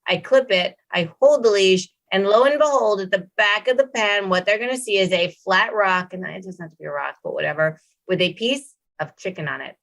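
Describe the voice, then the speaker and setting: A woman dog trainer hosting a casual roundtable, telling lively stories and acting out what dogs think. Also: medium pitch, creaky. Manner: animated storyteller, acts out dogs' thoughts in quick voices. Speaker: dog trainer, show host.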